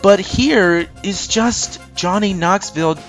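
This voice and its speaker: A man's voice: high voice, takes it slowly, a bit bright. A man hosting an opinionated countdown commentary, conversational and emphatic with sarcastic asides. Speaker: movie review host. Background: music.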